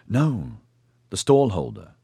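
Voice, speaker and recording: A man doing a subdued, low-voiced young man. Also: very animated, slow pace, creaky, dark tone, husky, no echo, studio quality, full character voice. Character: young man, short-tempered and sheepish.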